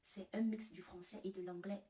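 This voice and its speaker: A woman telling a comic story as a vlogger, animated and laughing at her own tale. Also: medium pitch, moderate pace, far from the mic. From Cameroon. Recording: roomy, away from the mic.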